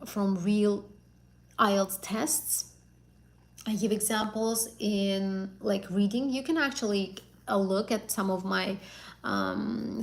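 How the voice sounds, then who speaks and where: A young Azerbaijani woman, whose first language is Azerbaijani, tutors for English exams on a live stream, answering viewers' questions. She's chatty, with many fillers, and keeps repeating and rephrasing herself. Her medium-pitched voice is gravelly and a little mellow.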